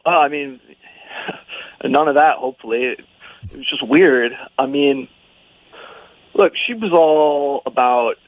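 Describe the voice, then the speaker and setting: A man's voice: mid-range voice, unhurried, pauses often, no echo. A man talking casually over a phone line on speakerphone, hesitant and full of fillers. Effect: heard over a phone line on speakerphone. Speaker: radio show call recipient.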